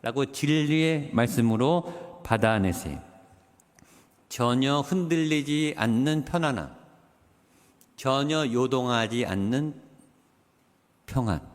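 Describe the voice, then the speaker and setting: A male pastor preaching a sermon, swinging between emphatic rises and quiet, slowed drops. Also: mid-range voice, big-room sound.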